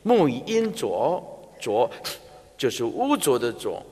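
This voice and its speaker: A man, a Buddhist monk giving a slow, emphatic, demonstrative sermon to a large audience. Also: mid-range voice, big pitch swings, warm tone. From Taiwan. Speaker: Buddhist monk teaching a dharma talk. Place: large exhibition hall before a big audience. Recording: reverberant large hall.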